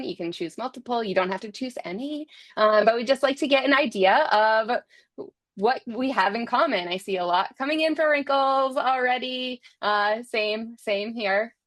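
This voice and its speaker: A woman's voice: medium pitch, fairly bright tone, no room sound. A woman hosting a webinar, upbeat and welcoming, reading scripted introductions. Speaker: webinar host.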